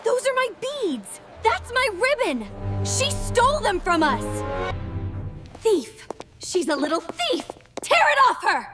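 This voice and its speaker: A spiteful young stepsister, voiced by a woman, shrieks in a piercing, very high voice that leaps about wildly. Orchestral music plays beneath her outbursts. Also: very animated, slow, heavily acted. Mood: furious. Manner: shrieking, accusing.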